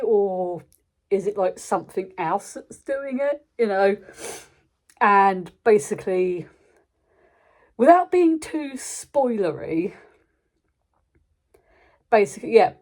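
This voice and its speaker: A British woman's slightly mellow, medium-pitched voice carries an informal, unscripted review on her channel. She wanders from point to point and frequently cuts herself off.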